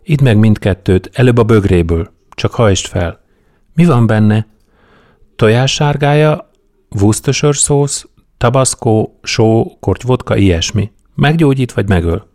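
A man's voice: fairly low pitch, darkish tone, natural voice. Cheeky, bossy young woman, put on by a male storyteller, raised and playful.

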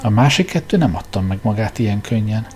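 A man narrating a humorous novel in a measured, expressive storytelling manner. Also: on the low side, faint music behind. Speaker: audiobook narrator.

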